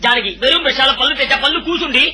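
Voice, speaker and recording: A man playing a broke music teacher and squabbling husband, full of quick punning comebacks, in a comedy audio drama. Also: very high-pitched, bright, forceful tone, heavily acted, low-quality recording. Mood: bickering.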